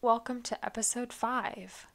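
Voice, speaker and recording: A woman's voice: on the high side, fairly even intonation, measured pace, a bit bright. A woman hosting a casual podcast, chatting playfully and laughing often. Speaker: podcast host. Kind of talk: casual chat.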